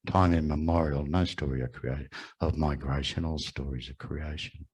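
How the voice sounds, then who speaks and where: Man, Australian accent, very deep husky voice, slow poetic ceremonial welcome. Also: fairly even intonation, a little mellow, rough recording. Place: large room with an audience.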